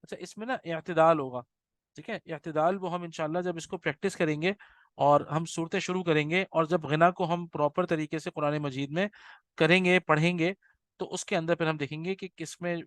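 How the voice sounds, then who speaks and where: A man teaching a recitation class, explaining patiently and often checking that students follow, and demonstrating slow nasal recitation. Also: a little high, fairly even intonation, no room sound.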